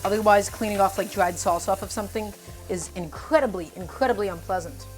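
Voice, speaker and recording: Soft music plays behind a woman of medium pitch talking a little fast. She's a cooking streamer, Russian her first language, casually demonstrating a recipe in her own kitchen on a live stream and replying to chat as she cooks.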